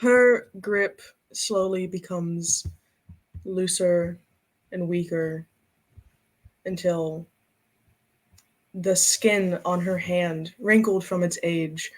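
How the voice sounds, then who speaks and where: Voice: mid-range voice, fairly even intonation, drawn-out words, long pauses, low-quality recording. A game master narrating a tabletop game, describing scenes and checking rules aloud.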